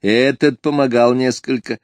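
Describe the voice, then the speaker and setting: A man's voice: medium pitch, steady tone, measured pace, no room sound, pitched above the performer's own voice, natural voice. A male narrator voicing a young woman cook who talks in a plain, folksy, complaining way. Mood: grumbling. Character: grumbling young woman cook, chatty about aches.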